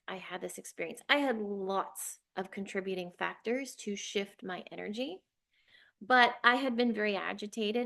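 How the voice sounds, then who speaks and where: A woman's voice: medium pitch, vocal fry, a bit bright. A young adult woman speaks as a channeler recounting her own experience. Her talk is casual and wandering, packed with fillers and restarts. She turns openly emotional at times. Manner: rambling, filler-heavy, emotional. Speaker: spiritual channeler. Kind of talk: casual personal storytelling.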